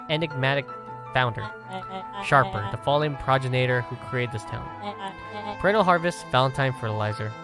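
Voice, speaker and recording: Story-game villain acted by a streamer: scheming, condescending, pompous measured monologue, medium pitch, music underneath. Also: lightly acted. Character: smug, scheming villain mastermind in a child's body.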